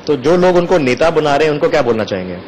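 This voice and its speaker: A male interviewer putting questions to a politician, halting over fillers before he gets to the point. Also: on the high side, animated, a little mellow, a little hiss or hum, rough recording.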